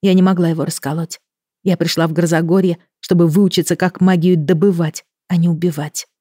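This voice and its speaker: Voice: medium pitch, little pitch movement, fairly quick, warm tone, dry recording, studio quality, voice pushed up, lightly acted. A reader voicing an anxious, fiery young sorceress girl in an audiobook, with urgent, pleading questions. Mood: earnest. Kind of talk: audiobook character voice.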